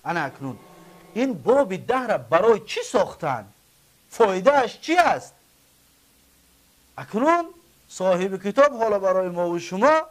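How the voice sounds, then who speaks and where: A man with a Tajik accent teaching an Arabic grammar lesson, asking and answering his own questions and repeating word forms slowly. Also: high voice. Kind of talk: classroom lesson.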